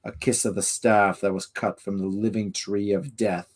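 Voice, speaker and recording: A man voicing a calm, cold male sorcerer-assassin in a slow, low, flat dramatic reading. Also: close to an everyday voice. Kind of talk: reading a novel's dialogue aloud.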